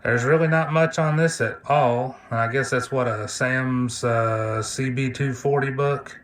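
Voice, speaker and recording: Recorded on a phone camera mic amid radio chatter and hiss, a man demonstrates a gadget hands-on for his hobby videos, unscripted and relaxed but technical. His voice is medium-pitched, steady, and a touch bright, at a measured pace.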